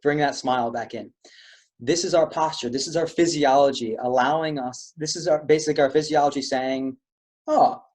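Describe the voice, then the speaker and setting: A man's voice: medium pitch, steady tone, a little fast, a little mellow. A man leading an online stress-relief webinar, coaching listeners through posture and breathing steps. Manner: coaching, gives step-by-step physical instructions. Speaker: webinar presenter. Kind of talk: guided stress-relief talk.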